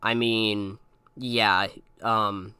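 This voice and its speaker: A man's voice: fairly low pitch, little pitch movement, drawn-out words, sharp tone, smooth, no echo. A young man hosting a casual re-watch commentary, rambling through asides and fillers into a close mic. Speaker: host.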